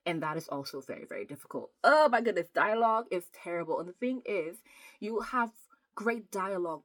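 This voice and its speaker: A book vlogger chats casually about writing, speaking emphatically and repeating words for stress. Her voice is deep with a fairly bright tone.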